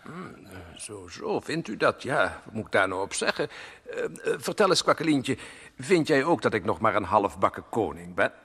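A man's voice: fairly low pitch, big pitch swings, moderate pace, fairly bright tone, slightly rough, exaggerated voice. An actor playing a childlike, insecure young king in a children's audio drama, flustered, exclaiming and hesitant. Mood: uncertain, contrite.

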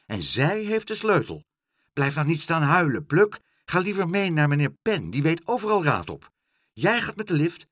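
A man reading a storybook aloud, voicing a plump, chatty female pigeon who coos and talks fast. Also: a little high, fairly bright tone, no echo, studio quality, voice pushed up, heavily acted. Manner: cooing and quick-talking.

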